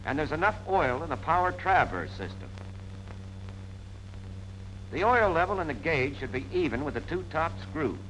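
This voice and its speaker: Here a 1940s American military instructor narrates, pitch fairly high, pace moderate, often pausing. His bright, forceful delivery swings with lively intonation, and he lays out each step in punchy, everyday language. The old film recording is low quality, with faint noise.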